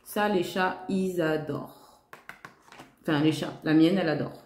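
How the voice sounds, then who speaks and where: Heavy background noise and an echoey room frame this casual shopping-haul vlog, where a woman with a fairly low voice talks a little slowly, straight to her viewers. She gushes enthusiastically, repeating "trop" and "magnifique."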